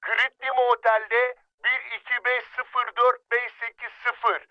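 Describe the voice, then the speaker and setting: A man's voice: very high-pitched, level tone, slow pace, no room sound. An actor playing a male soldier reporting from the field over a two-way radio, in clipped call procedure. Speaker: field unit radio operator. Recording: dull lo-fi radio sound, dry.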